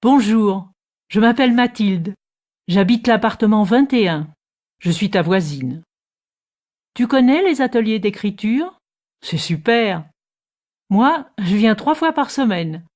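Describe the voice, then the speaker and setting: A woman reads a scripted textbook dialogue at an unhurried pace. She introduces herself in a friendly way, as a neighbour would, and speaks each phrase clearly. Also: medium pitch, lively intonation, a little mellow.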